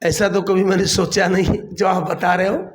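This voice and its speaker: A man's voice: high-pitched, flat delivery, moderate pace, a little hiss or hum. A man, a district council chief answering a political interview defensively and repeating his points.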